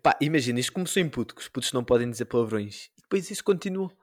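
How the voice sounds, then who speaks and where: Animated young Portuguese man, dry sound. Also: medium pitch, rapid-fire, no room sound. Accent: European Portuguese. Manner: animated storytelling, mimics voices, rising into outbursts. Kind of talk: casual chat.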